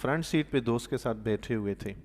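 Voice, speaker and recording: A man, a mosque imam giving Quran commentary, telling stories with animated bursts of loudness and soft, quiet asides. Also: medium pitch, long reverb tail. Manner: animated storyteller, voice swelling loudly on emphatic points; drops to a soft, quiet tone for pious exclamations. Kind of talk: sermon-style Quran commentary with storytelling.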